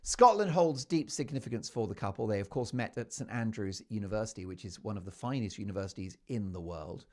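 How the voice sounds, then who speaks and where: Animated male talk show host. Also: on the low side, a little fast, hardly any pauses. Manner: emphatic, animated, keeps asking "right?"; playful, mocking asides. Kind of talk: opinionated news commentary monologue.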